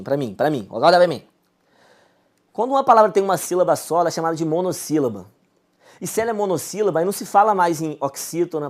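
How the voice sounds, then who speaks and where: A man's voice: high-pitched, darkish tone. A young man with a Brazilian accent teaching a casual, chummy online Portuguese grammar lesson, checking in with "beleza?" again and again.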